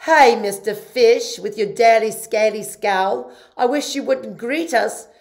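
A woman voicing a gentle male jellyfish in a picture book who mildly chides a grumpy friend. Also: fairly high pitch, takes it slowly, pitched above the performer's own voice. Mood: gently chiding.

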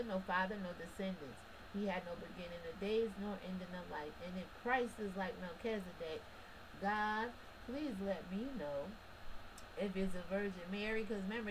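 A woman with a mid-range voice delivers a casual, preachy religious commentary monologue straight to her listeners, with background noise present. She uses emphatic rhetorical questions and colloquial asides, speaking casually with restarts and short laughs.

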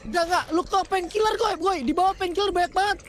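A man's voice: very high-pitched, fast talker, a bit bright. A young man in a co-op horror game, panicking and pleading for help from friends. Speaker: gaming friend. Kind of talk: casual co-op gaming chat. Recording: faint background noise.

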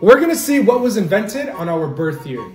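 Lively, teasing young man vlogging. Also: high voice, moderate pace, over music. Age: early 20s. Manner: teasing, laughing often. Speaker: vlogger filming his family. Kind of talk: casual family vlog.

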